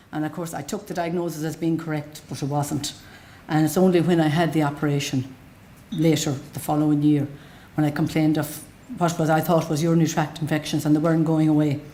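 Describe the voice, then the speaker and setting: Low, mellow west of Ireland woman. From Galway, west of Ireland. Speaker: patient telling their own story. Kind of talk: unscripted personal account.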